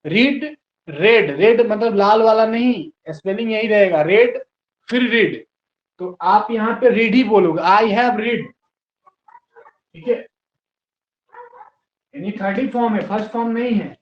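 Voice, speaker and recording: Male teacher, high voice, spells words out slowly, patient, roomy dull lo-fi classroom sound. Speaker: English teacher. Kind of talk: classroom lesson.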